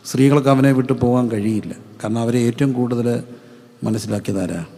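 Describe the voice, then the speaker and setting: Gravelly-voiced male pastor in a reverberant hall. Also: fairly even intonation, a little fast, dark tone. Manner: rhetorical questions answered by himself, dropping low on the answers. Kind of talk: sermon.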